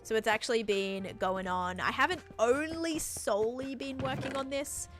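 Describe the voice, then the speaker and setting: On a live stream with background music underneath, a slightly congested young woman from Australia rambles casually and reads out the chat. She speaks at a normal speed in a fairly high voice.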